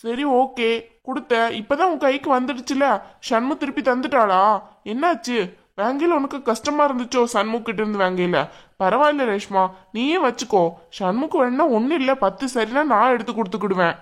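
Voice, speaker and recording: A woman with a slightly high voice coaxes and questions someone gently in a family drama. She is acting in a domestic scene at home. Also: brisk. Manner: coaxing, questioning. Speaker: concerned mother-in-law figure in a family drama. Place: indoors at home.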